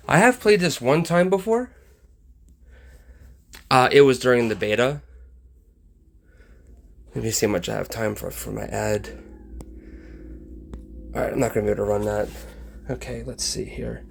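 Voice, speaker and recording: Man, gravelly and mid-pitched, slightly winded, casual rambling game commentary. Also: a little slow, pauses often. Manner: rambling with many ums and uhs. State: slightly out of breath. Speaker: mobile game vlogger.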